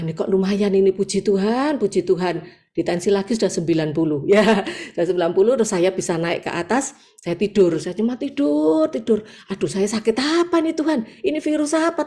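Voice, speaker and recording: Fields: Sex: woman. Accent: Javanese. Style: lively personal testimony. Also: medium pitch. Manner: lively storytelling with acted quotes and exclamations. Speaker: church member giving testimony. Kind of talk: personal testimony at an online prayer meeting. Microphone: video call.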